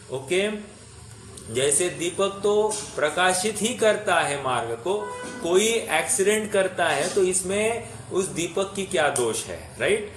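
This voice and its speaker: A man teaching a scripture class, asking his students questions and explaining slowly and patiently with many pauses. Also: fairly high pitch, a bit bright. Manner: asks the class questions and repeats their answers. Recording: echoey room recording.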